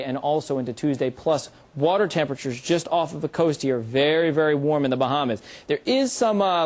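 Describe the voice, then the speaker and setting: A man with an American accent delivering a broadcast weather forecast, explaining key points in an informative way with measured emphasis. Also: fairly high pitch, a little mellow.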